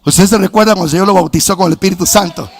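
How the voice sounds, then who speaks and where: A middle-aged man from preaching a sermon as a pastor, telling his own story with quoted dialogue and bursts of shouting. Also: sits high, very fast. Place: church sanctuary.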